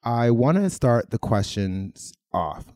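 A man's voice: mid-range voice, big pitch swings, takes it slowly, dark tone, no echo, clean studio sound, faint music behind. A man hosting a casual podcast interview, joking and rambling and laughing at his own slips. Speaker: podcast host.

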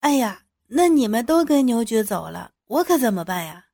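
A woman voicing a crude, flattering younger man in an audio drama, with a lowered, fawning delivery. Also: moderate pace, no echo, clean studio sound.

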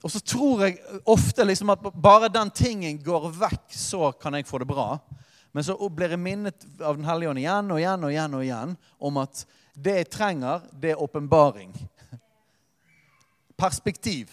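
A man preaching with passion, his voice swelling into loud emphatic peaks and dropping to quiet asides. His voice sits a little high for a man. A long reverb trails behind it in a large church hall. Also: animated. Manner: impassioned preaching, rising and falling with emphatic repetition. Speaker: pastor. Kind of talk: sermon.

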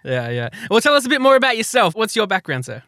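Bright, higher-voiced male podcast host. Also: very animated, fast. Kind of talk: podcast hosting, chatty interview.

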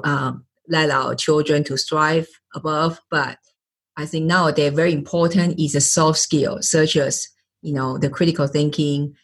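A woman's voice: deep voice, a bit bright, slightly rough. A middle-aged woman hosting a podcast interview, often searching for words and restarting her sentences. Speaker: podcast host.

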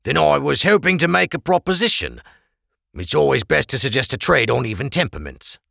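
A man's voice: medium pitch, very animated, brisk, creaky, bright, forceful tone, no echo, studio quality, pitched above the performer's own voice, heavily acted. A man voicing a scheming male merchant neighbor who speaks in odd, stilted phrases. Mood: sly.

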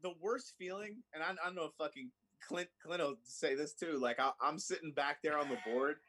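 A man's voice: fairly high pitch, a little fast, slightly rough. A man telling a comedy club story in casual, profane banter, acting out the people he quotes. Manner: animated storytelling with acted quotes.

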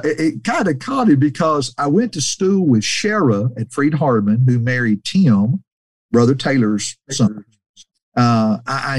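A man spins casual anecdotes at a medium pitch. He restarts his sentences often and lifts his voice higher whenever he quotes someone. The recording is dry, with no room sound. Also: darkish tone, no echo. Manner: restarts a lot, mimics quoted people in a higher voice.

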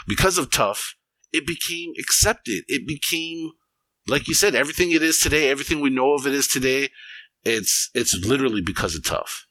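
A man's voice: mid-range voice, bright, forceful tone, no room sound, low-quality recording. A man in his forties from Hawaii, co-hosting a casual sports chat podcast and talking in an enthusiastic, chatty way with frequent restarts. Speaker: podcast co-host.

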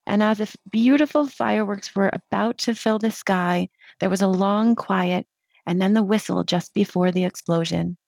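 A woman author reading her own personal essay aloud in a measured, heartfelt way. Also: mid-range voice, gravelly, darkish tone, dry recording.

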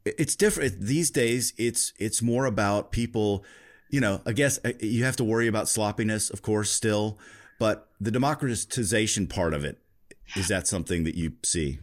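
A male podcast host interviewing a guest in a relaxed, thoughtful way, often restarting his sentences. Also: fairly low pitch, moderate pace. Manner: thoughtful, with frequent restarts and fillers. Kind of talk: conversational interview.

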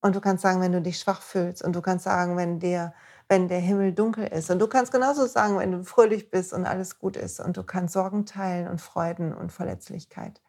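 Gentle, encouraging woman podcast host. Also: fairly low pitch, steady tone, fairly quick. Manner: gentle, encouraging, speaks straight to the listener. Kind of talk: motivational self-help podcast talk.

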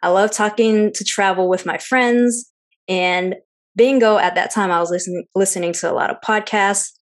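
A woman's voice: medium pitch, fairly even intonation, moderate pace. A young woman from Seattle, co-host of a travel podcast, chatting in an interview with lots of fillers and easy laughs. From Seattle, United States. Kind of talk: casual interview chat.

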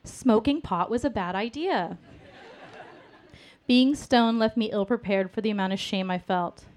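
A woman telling a candid personal story to an audience in a self-mocking, lively way. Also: medium pitch, a little slow.

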